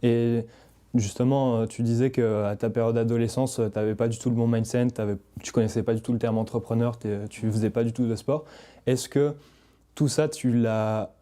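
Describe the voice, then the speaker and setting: A man's voice: medium pitch, fairly even intonation, normal speed, mellow. A male podcast host asking long, rambling interview questions with fillers.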